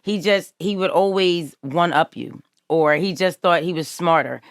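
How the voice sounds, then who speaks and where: A woman hosting a podcast, telling crime stories in a casual, animated way and acting out what people said. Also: on the low side, a little slow, no echo, studio quality. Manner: animated storyteller, acts out quotes. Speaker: podcast host. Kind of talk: casual true-crime chat.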